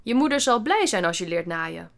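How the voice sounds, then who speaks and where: A woman's voice: fairly low pitch, very animated, moderate pace, creaky. A woman voicing a cold, strict female schoolteacher who speaks in an icy, clipped way. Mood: icy stern.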